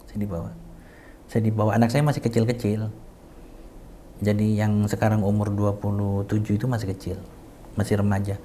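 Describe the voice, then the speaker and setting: A middle-aged man, an interview guest, tells a personal story with feeling, acting out the dialogue and sometimes sinking to a hushed near-whisper. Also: lowish voice, flat delivery, a little fast, pauses often, a little hiss or hum. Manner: emotional retelling that acts out quoted dialogue; drops to a hushed near-whisper at tender moments. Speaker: community founder, interview guest.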